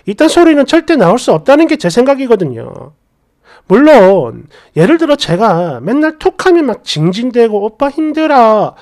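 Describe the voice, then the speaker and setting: A woman's voice: fairly high pitch, big pitch swings, moderate pace, a little mellow. A woman reading a first-person story aloud, with an indignant, questioning tone. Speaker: story narrator.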